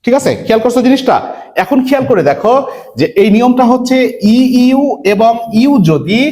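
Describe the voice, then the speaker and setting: A man from Bangladesh teaching an English admission-test lesson online, who asks his students questions, answers them himself and repeats words slowly. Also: high voice, a little mellow. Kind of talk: online lecture.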